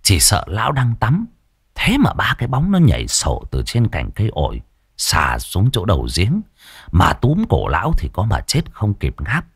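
A man reading a story aloud in an expressive, lively way. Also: lowish voice, moderate pace, breathy edge, no room sound, clean studio sound. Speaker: audiobook reader. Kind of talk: storytelling narration.

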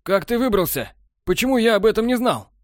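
Man putting on a distraught stalker, high strained cries, dry close sound. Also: expressive, moderate pace, smooth, no room sound. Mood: anguished. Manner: raised, strained, high-pitched outcries. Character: shocked, desperate male stalker, young adult.

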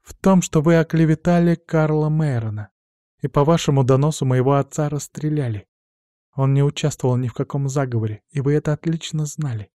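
A cold, vengeful young woman, put on by a male reader, who drawls her threats slowly and mockingly in a raised, lighter voice. The tone is dark and mellow, and the dry close recording keeps every word intimate. It sounds like a storybook read aloud. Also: on the high side, no room sound, voice pushed up, lightly acted. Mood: cold menace.

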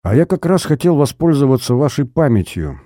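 A man voicing a calm, mocking former agent who threatens an old officer, menacing and cold. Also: medium pitch, a little fast, dry recording, studio quality, voice pushed up.

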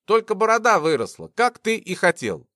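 A man's voice: high-pitched, big pitch swings, moderate pace, pushed and bright, no echo, studio quality, voice pushed up, exaggerated voice. A man reading an audiobook and voicing a teasing, cocky young man.

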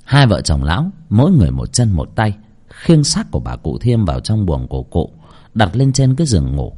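A husky male storyteller, telling a grim tale in a grave, dramatic way. His pitch rises and falls widely across each sentence. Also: huge pitch swings, a little fast, mellow.

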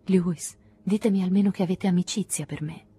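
A woman's voice: on the low side, fairly even intonation, fairly quick, warm tone, husky, pitched above the performer's own voice. A woman reading the part of an anxious woman in love, pleading and tearful, in an audiobook.

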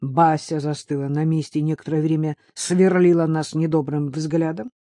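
A woman reading a novel aloud in the first person, with lively, expressive delivery. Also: low-pitched, moderate pace, dry recording, clean studio sound. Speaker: audiobook reader.

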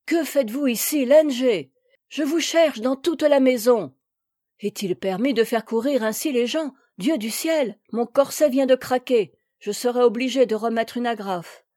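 A woman's voice: a little high, measured pace, dark tone, dry recording, clean studio sound. A woman reader voicing a fussy, complaining housemaid in a storybook. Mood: scolding. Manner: scolding, complaining. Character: fussy scolding grown woman maid.

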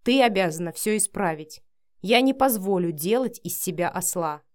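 A woman's voice: mid-range voice, expressive, moderate pace, a little mellow, lightly acted. A woman reading the part of a cold, domineering young man who speaks curtly and with scorn in an audiobook. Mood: angry. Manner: curt, commanding, sneering.

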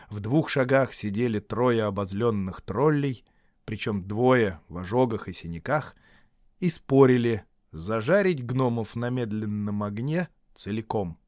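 Мужчина читает аудиокнигу размеренно, понижая голос в конце фраз. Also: male voice, medium pitch, darkish tone, no room sound, clean studio sound. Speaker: audiobook narrator. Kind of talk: scripted narration.

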